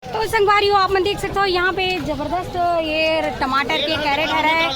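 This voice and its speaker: Very high female voice, Chhattisgarhi accent, market vlog commentary, repetitive showing-around, crowd and vehicle noise. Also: steady tone, moderate pace. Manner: repetitive pointing-out of things to viewers. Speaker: vlog host touring a market. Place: outdoor wholesale vegetable market.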